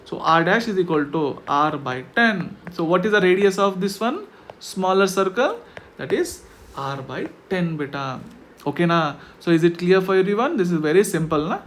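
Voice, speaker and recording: Male maths tutor, Indian accent, high voice, explains step by step with constant check-in questions; faint noise behind. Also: sing-song, normal speed, a bit bright. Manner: repetitive checking questions with tag words. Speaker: maths teacher.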